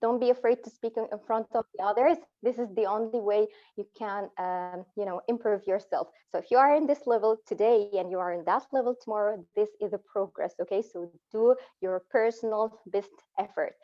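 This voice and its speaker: A woman in her thirties chats casually as she opens an online English class, her manner relaxed and encouraging with frequent light laughs. Her voice sits at an ordinary middle pitch for a woman. She speaks into a phone on a video call, so the sound comes through dull and lo-fi. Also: brisk, few pauses. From Egypt. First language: Arabic. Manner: relaxed, encouraging, laughs often between phrases.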